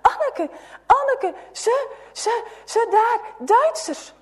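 A woman's voice: very high-pitched, lively intonation, unhurried, a little mellow, in a large hall, voice pushed up. A woman voicing an older boy in a read-aloud story, urgent and snappish. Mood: alarmed. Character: urgent older boy, bossy under pressure.

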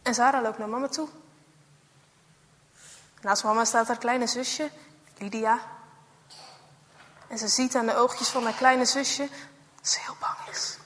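A woman with a very high voice tells a children's story with lively, dramatic expression. She sinks to a whisper at tense moments, and her voice rings out in a long reverb. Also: a little slow, long pauses, a little hiss or hum.

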